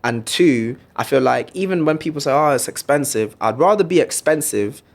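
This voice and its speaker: A man's voice: mid-range voice, expressive, moderate pace, gravelly. A man, hosting a podcast and telling stories in a laid-back, slangy way. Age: 20s. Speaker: podcast host. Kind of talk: casual chat.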